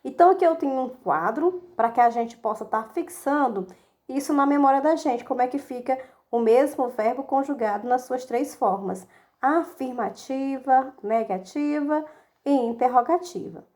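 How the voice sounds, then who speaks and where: A woman's voice: high-pitched, a little mellow. A woman teacher giving a recorded video lesson, explaining step by step and answering her own questions. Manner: explains step by step, asks the class questions and answers them herself; reads English example sentences slowly and deliberately. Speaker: English teacher.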